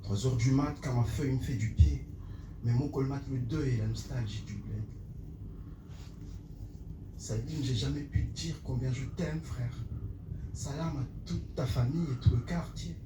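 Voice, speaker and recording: A man's voice: mid-range voice, normal speed, long pauses. A man performing slam poetry on a small theatre stage before a live audience, declaiming in rhythmic lines with half-sung refrains and then chatting with the crowd. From Comoros. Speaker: slam poet. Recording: roomy, distant, noisy live room.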